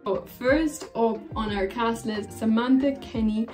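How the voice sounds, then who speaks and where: A woman's voice: a little high, a little slow, darkish tone, faint music behind. A woman in her twenties casually gossiping and giving opinions in a reaction vlog. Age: 20s. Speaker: reaction vlogger.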